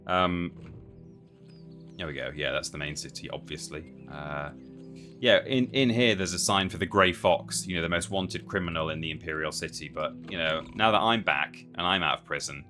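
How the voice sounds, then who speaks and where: A man commentates casually as he plays a game. His voice is very deep yet bright and forceful, rambling as he thinks aloud, with soft music underneath. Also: normal speed. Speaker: live streamer playing a game.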